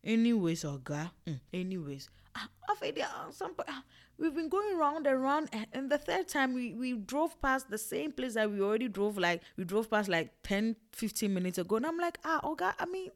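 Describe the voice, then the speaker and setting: A young woman from Ghana and Togo, telling a personal story in a casual vlog, animated and repetitive. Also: a little high, normal speed.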